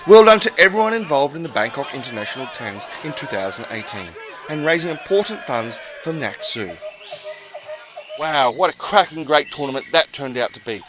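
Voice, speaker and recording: A man hosting a rugby show, presenting scripted highlights in an upbeat, emphatic showman style. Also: very animated, normal speed, heavy background noise. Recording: music playing behind the voice.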